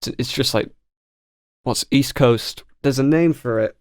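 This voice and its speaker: A man's voice: mid-range voice, a little slow, a little mellow, no echo, clean studio sound. A young man with a Hull accent chatting casually and informally, with some swearing. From Hull, England. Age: young adult. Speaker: podcast guest, music student. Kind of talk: casual chat.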